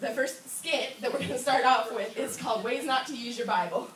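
A woman's voice: a little high, brisk. A young woman from Florida leading a drama ministry team, giving upbeat announcements and a prayer. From Orlando, Florida. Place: church hall with a wooden floor, indoors. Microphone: far camera. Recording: echoey room from far off, noisy.

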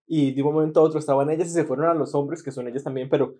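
A man's voice: fairly high pitch, steady tone, rapid-fire, mellow. A man hosting a casual reaction video, enthusiastic and often repeating words as he searches for them.

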